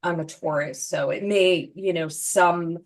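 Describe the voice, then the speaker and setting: A woman's voice: on the low side, fairly even intonation, unhurried, poor audio. A woman co-hosting a casual chat podcast, explaining things plainly with many fillers. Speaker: podcast co-host.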